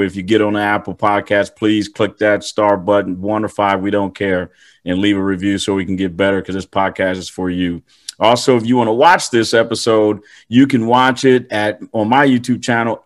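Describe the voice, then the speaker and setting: A man hosting a casual interview podcast, often repeating words and restarting his sentences. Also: lowish voice. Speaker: podcast host.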